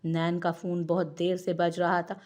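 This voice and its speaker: Lady reading a romance novel out loud, lowish voice, steady pace. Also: moderate pace. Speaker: narrator. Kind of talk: novel read aloud.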